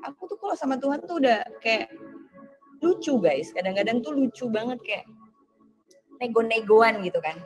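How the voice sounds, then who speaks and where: A woman's voice: on the high side, lively intonation, moderate pace, long pauses, music in the background. A young woman gives a fervent sermon over a video call. She asks urgent rhetorical questions and slips into slangy, casual asides. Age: young adult. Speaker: speaker giving a testimony and exhortation. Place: online prayer meeting on a video call.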